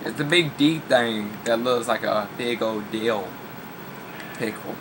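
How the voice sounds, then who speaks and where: A man giving rambling, casual commentary over his game, swearing often and chatting to his cat, his voice worn from yelling. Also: medium pitch, takes it slowly, background noise. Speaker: gaming YouTuber.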